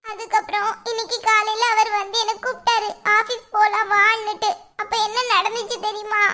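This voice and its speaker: A woman's voice: very high voice, flat delivery, normal speed, sharp tone. A woman voicing an anxious, tearful young married village woman in a cartoon, talking to herself in despair. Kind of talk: cartoon voice acting.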